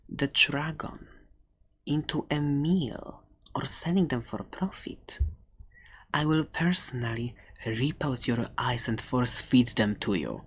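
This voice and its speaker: A husky, medium-pitched voice plays a furry animal shopkeeper in ASMR roleplay, soft and halting, often falling into a whisper, adoring yet threatening. The overall mood turns quietly menacing.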